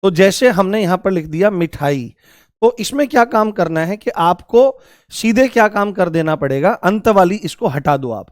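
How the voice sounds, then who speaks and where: A Hindi grammar teacher with a fairly high voice leads a live online class, repeating every key word and asking students to call out examples. His intonation is lively and his pace moderate, and the sound is close and dry with no room echo.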